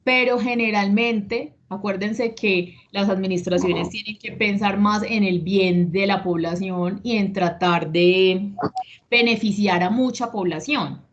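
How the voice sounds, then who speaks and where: A woman's voice: mid-range voice, measured pace. A woman, an instructor explaining a lesson in an online class and checking that her students follow. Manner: explanatory, checks understanding with questions. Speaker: instructor of a risk management course. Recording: dull lo-fi online call audio with faint noise.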